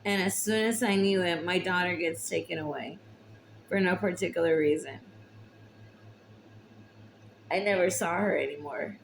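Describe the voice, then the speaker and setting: A young woman talking to camera about her hardships, emotional and tearful, halting with long pauses. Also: fairly low pitch, gravelly, a little hiss or hum, low-quality recording. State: tearful, recently crying. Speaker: vlogger. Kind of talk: personal confessional talk to camera.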